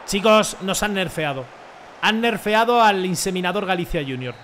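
High-voiced joking gaming streamer. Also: male voice, lively intonation, moderate pace, a little hiss or hum. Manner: joking, dramatic rants and sudden shouts at the game. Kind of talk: playful game commentary.

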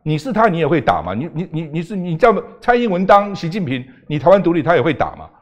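A man's voice: fairly high pitch, big pitch swings, quick pace, lo-fi sound. An older man, a talk show guest arguing emphatically and firing off rhetorical questions. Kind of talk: political talk show debate.

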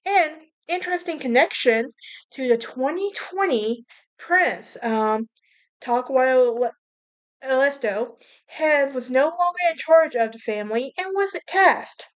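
A woman's voice: high-pitched, expressive, unhurried. A woman hosting a casual history podcast, chatty, tripping over names and laughing at herself. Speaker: podcast host.

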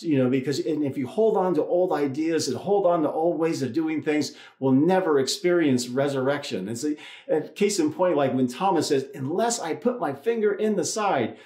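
A man's voice: a little high, warm tone. Man preaching in an echoey church. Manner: conversational, with many restarts and repeated words. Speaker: priest. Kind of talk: Easter sermon with a told joke. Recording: roomy church echo.

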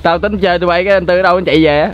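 A young man with a Southern Vietnamese accent hosting a prank vlog, bantering and teasing rapidly while outdoors on a street. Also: high voice, fairly even intonation, dull audio, crowd noise. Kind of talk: casual prank commentary. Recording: noisy outdoor street recording.

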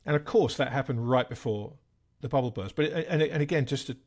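Measured man in his sixties, thoughtful. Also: medium pitch, a little mellow. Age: 60s. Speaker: guest. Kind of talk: conversational interview.

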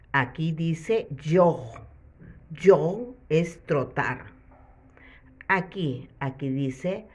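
Female teacher, deliberate repeat-and-translate delivery, low voice, muffled audio. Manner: repeats each word then translates it. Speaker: English teacher. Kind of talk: slow, patient classroom instruction. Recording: muffled lo-fi recording.

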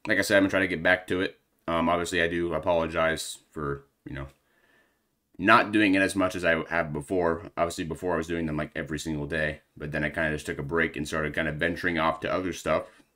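A young man with a notably low voice chats casually to his viewers. He rambles in slangy, filler-heavy talk, a bit out of breath. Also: steady tone, fast talker, bright, forceful tone. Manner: rambling, loose slangy chat with lots of fillers. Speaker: reaction video host. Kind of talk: casual reaction commentary.

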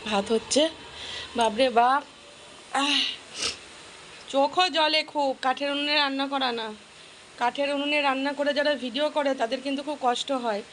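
Woman vlogger, high voice, bright tone, chatty and coaxing, faint background noise. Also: normal speed, long pauses. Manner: coaxing, chatty, repeats herself. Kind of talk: casual vlog narration. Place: home and yard with wood stove.

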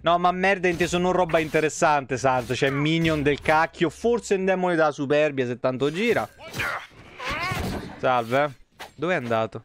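An Italian man in his thirties live-streams a video game from his home setup, chatting to viewers and commentating casually with plenty of swearing. His fairly high voice moves at normal speed on a close streaming mic, with some background noise.

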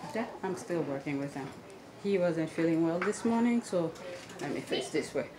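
A woman's voice: deep voice, expressive, moderate pace, noisy background. A woman vlogging at home, out of breath and tired after a workout, talking casually. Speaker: vlogger and mother.

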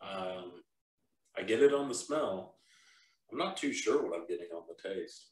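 Low-voiced and animated, a man hosts a relaxed whiskey-tasting podcast at a somewhat slow pace. He talks loosely and rambles, using plenty of fillers, and he sounds roomy and far from the mic.

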